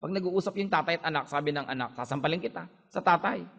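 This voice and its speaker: A male pastor with a Filipino accent delivers a lively sermon, moving easily between Tagalog and English. His voice sits a bit higher than most men's. A long reverb trails after his words, as if spoken in a large hall. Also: fast, gravelly, lo-fi sound. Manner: animated preaching, switching between Tagalog and English.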